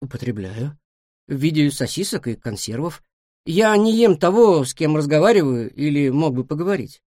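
A woman voicing a reserved grown male cat in a storybook, answering quietly and briefly. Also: low-pitched, expressive, normal speed, no echo, studio quality. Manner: quiet, short and reticent replies. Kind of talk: storybook reading.

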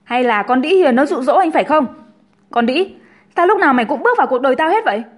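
A woman's voice: expressive, quick pace. A woman reading a story aloud, voicing a brash, scheming pregnant young woman who accuses and wails. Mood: shrill. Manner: shrill, accusing, theatrically wailing.

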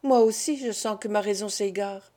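A woman's voice: mid-range voice, normal speed, mellow, lightly acted. A woman voicing a desperate young male count in a storybook reading, with anguished, fevered outbursts. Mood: distraught.

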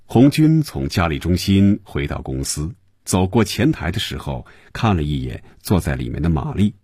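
A man narrating a novel in an expressive storytelling manner. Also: deep voice, normal speed, slightly rough, no room sound, clean studio sound. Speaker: audiobook narrator.

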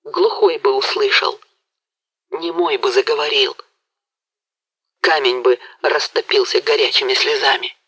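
A woman's voice: very deep voice, steady tone, a little slow, pauses often, fairly bright tone, slightly rough, dry recording, exaggerated voice, low-quality recording. A woman voicing a passionate young man who speaks fervently and makes vows in an audiobook. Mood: ardent. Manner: fervent, vowing. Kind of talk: audiobook character reading.

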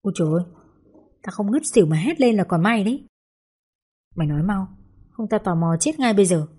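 A woman reading the lines of a loud, blunt young mother who is the narrator's best friend, with a husky, mellow tone. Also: mid-range voice, very animated, brisk. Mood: excited. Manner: loud, blunt, swears casually. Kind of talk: audiobook character dialogue.

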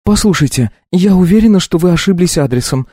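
A man's voice: sits high, expressive, brisk, dark tone, breathy edge, no room sound, studio quality, pitched above the performer's own voice. A man voicing a frightened young woman in an audiobook, pleading and near tears. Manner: pleading, tearful, breathless. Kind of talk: audiobook reading.

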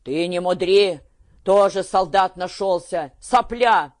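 A man reading an audiobook, voicing a sick, bitter, short-tempered old peasant father who shouts gruffly in folk dialect. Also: fairly high pitch, fairly even intonation, unhurried, no room sound, studio quality, lightly acted. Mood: angry shouting.

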